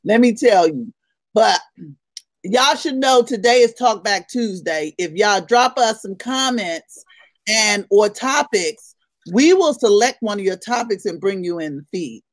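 A woman co-hosting a casual morning chat show, loud and laughing as she tells stories and gossips. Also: mid-range voice, lively intonation, measured pace, no echo. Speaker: co-host.

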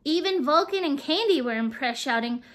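Woman, children's storybook read-aloud, expressive, asides to young listeners, high pitch, bright tone. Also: normal speed. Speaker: storybook reader.

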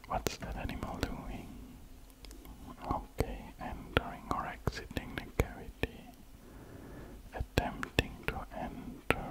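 A man in his thirties speaking in a close-up, hushed wildlife watching whisper, reading aloud and commenting unhurriedly in an ASMR style. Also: rough recording. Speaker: ASMR host. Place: indoors at a computer.

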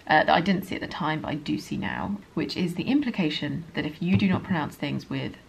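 A woman speaking in a modern received pronunciation accent with a touch of Estuary, her voice low and slightly husky. She talks quickly and earnestly to camera, explaining herself in a candid, apologetic vlog. She sounds like an English pronunciation teacher talking straight to her viewers. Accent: modern received pronunciation with a hint of Estuary.

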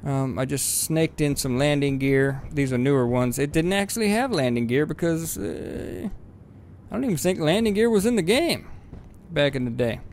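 A man talks through his game in a loose, rambling let's-play commentary, swearing casually and jumping into excited bursts. His voice sits a little high with a gravelly, fry-laden edge. Faint game sounds hum underneath. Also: moderate pace. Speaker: gaming video host.

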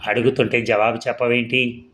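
A man's voice: medium pitch, level tone, normal speed, a bit bright, a little hiss or hum, close to an everyday voice. A man voicing an awkward, evasive middle-aged father with a coaxing manner. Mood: stern.

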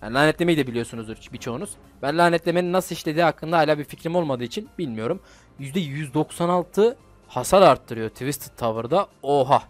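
A man's voice: on the high side, fast talker, soft background music. Young man chatting over mobile gameplay. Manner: slangy, chatty, excitable bursts. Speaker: mobile game YouTuber. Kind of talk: casual gameplay commentary.

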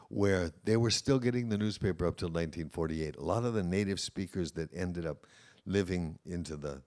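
Deep-voiced man giving an easygoing lecture. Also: darkish tone. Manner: conversational and anecdotal, frequent "you know" asides. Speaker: professor of Hawaiian language. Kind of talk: informal lecture to an audience of teachers.

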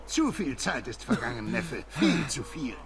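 A man voicing a gruff, seasoned warrior uncle in a German game dub, with a gravelly voice. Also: mid-range voice, very animated, measured pace, a little hiss or hum. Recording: game audio with loud music behind.

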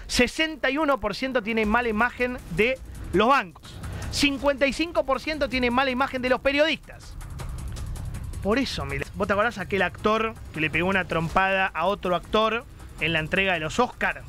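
A man with a Rioplatense Argentine accent delivers a political opinion monologue in a high, bright and forceful voice. He sounds emphatic and scornful, stacking one word on top of another in long lists. Faint music plays under him. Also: normal speed. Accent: Rioplatense Argentine Spanish. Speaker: political commentator.

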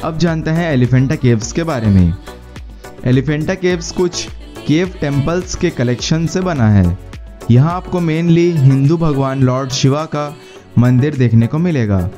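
A man narrating a travel guide in a steady, explanatory tone, mixing English words into his speech. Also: a little high, unhurried. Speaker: travel vlogger. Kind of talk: scripted voice-over narration. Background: faint background music.

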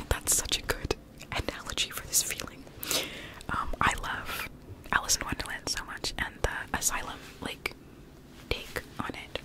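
A young woman in her late teens, an ASMR streamer, whispers unhurriedly into a studio mic close in front of her in her bedroom full of plush toys. During the live stream she reads chat messages aloud and whispers her replies.

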